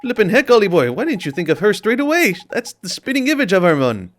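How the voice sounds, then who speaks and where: A man's voice: high voice, sing-song, pitched above the performer's own voice. A man voicing a cocky little male fairy sidekick, bossy and blustery as he reads game dialogue aloud. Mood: exasperated. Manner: bossy, blustery, quick to scold.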